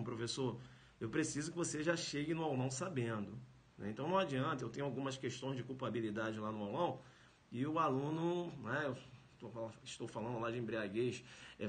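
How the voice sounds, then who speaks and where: A man's voice: mid-range voice, a bit bright. A man with a Brazilian Portuguese accent giving a live-streamed law lecture, emphatic, repeating phrases and adding tag questions. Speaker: law teacher.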